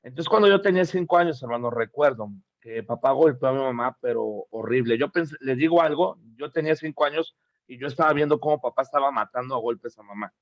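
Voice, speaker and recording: Emphatic preacher, dry lo-fi sound. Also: male voice, medium pitch, quick pace, no echo. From Mexico. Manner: emphatic, repetitive preaching with rhetorical questions to the congregation. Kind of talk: sermon.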